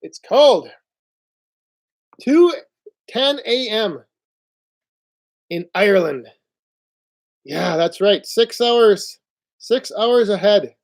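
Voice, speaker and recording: A man hosting a casual live stream from home on his phone, rambling along in a relaxed way and reading out viewer chat. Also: high voice, very slow, gravelly, long pauses. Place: indoors at home.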